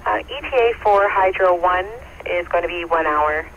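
A man's voice: sits high, moderate pace. A man working as a fire dispatcher, heard over a two-way radio and giving calls in clipped, procedural radio phrasing. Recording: muffled radio audio with loud static.

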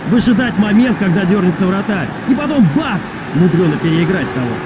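A man works as the analyst in a hockey game broadcast. His voice is pitched high as he explains the play. Heavy arena noise runs behind him. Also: lively intonation, brisk. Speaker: colour commentator. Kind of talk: analytical sports video game commentary.

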